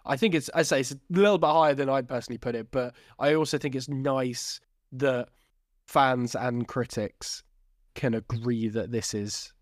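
A man's voice: mid-range voice, moderate pace, no echo, studio quality. A man co-hosting a podcast, chatting casually about films and often repeating words as he thinks. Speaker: podcast co-host. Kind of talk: casual film chat.

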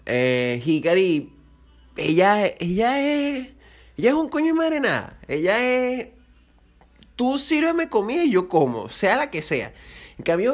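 A young man chats alone on his podcast in a slightly high voice. He rambles from one aside to the next, swearing freely and cutting himself off mid-word to restart. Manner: rambling, crude and joking, with self-interruptions. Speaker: podcast host. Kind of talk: casual solo podcast chat.

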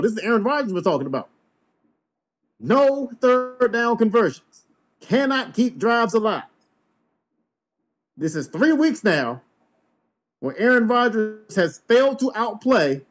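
A man hosting a sports podcast, giving blunt, emphatic opinions. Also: sits high. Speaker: podcast host.

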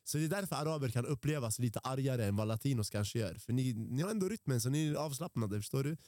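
A man's voice: mid-range voice, expressive, dark tone, no room sound, clean studio sound. A man hosting a podcast interview, casual and joking, raised in Sweden, talking in slang. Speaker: podcast host.

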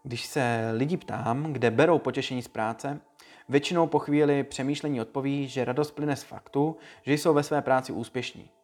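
Man reading a motivational talk, calm and even, faint music behind. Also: mid-range voice. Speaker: speaker giving a motivational talk. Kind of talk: read-aloud motivational talk.

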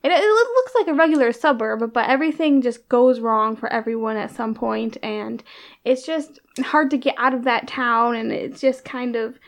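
High-voiced woman, loose teasing chat. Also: moderate pace. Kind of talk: casual chat. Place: office.

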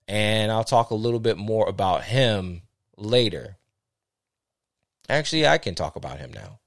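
A man's voice: lowish voice, very animated, a little slow, gravelly, no room sound, studio quality. A man hosting a podcast who reads scripture and commentary aloud in a casual way, often stumbling and correcting himself. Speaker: podcast host reading scripture. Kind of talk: casual Bible reading with commentary.

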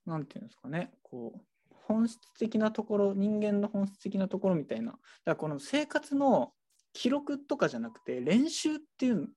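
A bookshop staffer chats casually about the shelves, rambling and full of fillers. The pitch swings widely and lively as the talk runs on. The voice sits at a middle height. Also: normal speed. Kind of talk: casual chat.

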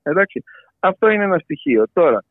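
Male analyst from Greece, slightly high-voiced, hesitant interview delivery, thin telephone sound. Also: very animated, no room sound. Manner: halting, searching for words. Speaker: pollster and election analyst giving an interview. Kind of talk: spontaneous political analysis in an interview. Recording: tinny, band-limited phone line.

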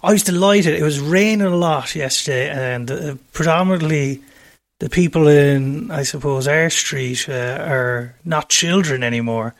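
A man hosting a sports podcast in a jokey, rambling casual chat. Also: a little high. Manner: jokey, rambling, quick intros. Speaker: podcast host.

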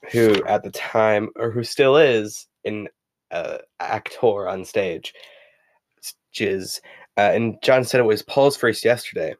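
A man's voice: on the low side, dry recording. A young man hosting a casual solo podcast, rambling with many fillers and reading passages aloud from a book. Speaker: podcast host.

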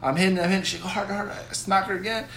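A man's voice: high-pitched, little pitch movement, rapid-fire, vocal fry, fairly bright tone, echoey room. A man in his twenties in a crude casual podcast chat, brash and teasing. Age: 20s. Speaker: podcast co-host.

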